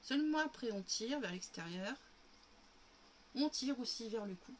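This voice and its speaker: A woman's voice: on the high side, lively intonation, normal speed. Woman, makeup livestream, chatty, step-by-step demo, coughing, noisy home audio. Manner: chatty, demonstrating step by step, addressing viewers as girls. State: coughing, recovering from illness. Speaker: makeup live streamer. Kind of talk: casual makeup tutorial livestream.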